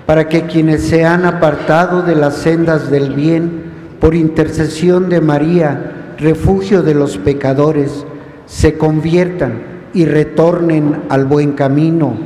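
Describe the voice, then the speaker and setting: Man, reading the petitions at Mass, steady formal recitation, mellow dark tone, echoey church with long reverb. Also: fairly high pitch, takes it slowly, a little hiss or hum. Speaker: reader of the prayers of the faithful. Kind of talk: liturgical reading. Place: large church.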